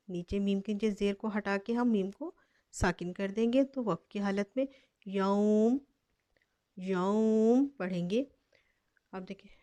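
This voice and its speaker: A woman teaching Quran recitation, slowly sounding out each word twice and explaining every step patiently. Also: mid-range voice, mellow. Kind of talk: slow step-by-step lesson.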